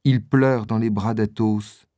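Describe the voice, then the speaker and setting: A calm storybook narrator who reads slowly and evenly. The tone is mellow and warm, recorded dry and close. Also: mid-range voice, no room sound. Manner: calm, measured. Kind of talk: storybook reading.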